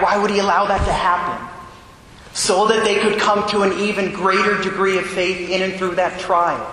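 A man's fairly high, bright voice fills a vast church and booms back with a long cathedral echo, a faint rumble beneath it. He is a priest who reads the Gospel and preaches in an earnest, measured way. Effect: booming cathedral echo. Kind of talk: gospel reading and homily at Mass. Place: large church. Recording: long echoey reverb in a large church.

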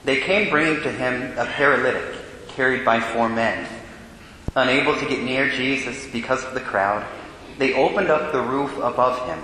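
The voice of a priest, mid-range, bright and forceful, fills a large church as he reads the gospel and delivers a measured, solemn sermon. Long reverb from the cathedral-like space and a faint hiss run through the recording.

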